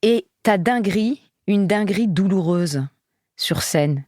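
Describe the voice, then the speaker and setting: A woman's voice: mid-range voice, animated, takes it slowly, warm tone, dry recording. Lady host, mid voice, keeps nudging the guest along with mhms and questions, dry sound. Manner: short encouraging interjections and prompting questions. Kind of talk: casual interview.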